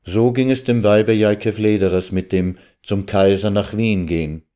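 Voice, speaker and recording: A man reading an old literary tale aloud in calm, measured narration. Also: fairly low pitch, clean tone. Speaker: reader.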